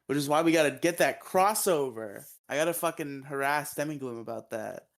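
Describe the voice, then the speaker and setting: A man's voice: fairly high pitch, brisk, creaky. A man co-hosting a podcast in casual chat, sleepy and yawning, rambling with lots of fillers. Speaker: podcast co-host.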